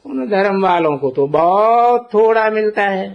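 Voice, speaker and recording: Slow, high-voiced man giving a spiritual talk. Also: animated, vocal fry. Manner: deliberate, asks rhetorical questions. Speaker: spiritual teacher. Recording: dull lo-fi recording.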